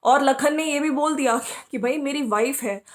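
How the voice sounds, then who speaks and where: A woman's voice: high-pitched, normal speed. A woman hosting a podcast who comments on social media gossip, scolding the people she talks about directly and asking them rhetorical questions. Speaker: podcast host.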